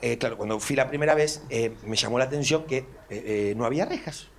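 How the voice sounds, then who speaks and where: A man with an Argentine accent doing stand-up comedy, telling stories in an animated, exaggerated, profane way. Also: medium pitch, fairly quick. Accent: Argentine Spanish. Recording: noisy live recording.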